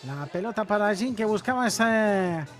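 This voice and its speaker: A man's voice: high voice, lively intonation, normal speed, a bit bright, faint music behind. A man giving live play-by-play commentary on a beach soccer match. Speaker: sports commentator.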